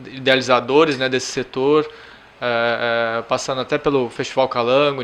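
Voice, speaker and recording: A man from Minas Gerais answers as an interview guest. His voice is mid-pitched and ordinary, and he tells his story in a relaxed way, with plenty of fillers. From Minas Gerais, Brazil. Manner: many fillers like "né" and "é", easygoing storytelling. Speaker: guest, cultural entrepreneur.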